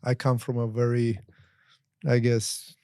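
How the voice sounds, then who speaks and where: A man's voice: medium pitch, monotone, measured pace, warm tone, dry recording, studio quality. A man from Latvia, hosting a casual interview and speaking in a reflective, agreeable way. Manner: reflective, agreeable, frequent "yeah". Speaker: host.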